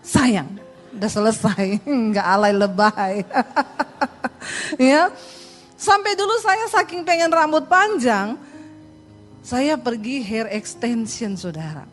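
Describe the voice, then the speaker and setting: A middle-aged woman preacher telling personal stories in a sermon, lively and laughing as she addresses the congregation. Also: mid-range voice.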